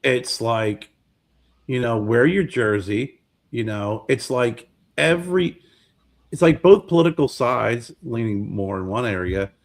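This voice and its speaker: A man's voice: medium pitch, expressive, measured pace. A man in his fifties co-hosting a podcast, chatting casually and often repeating words as he searches for the next one. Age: 50s. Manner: rambling, repeats words while searching for them. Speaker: podcast co-host. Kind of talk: casual chat.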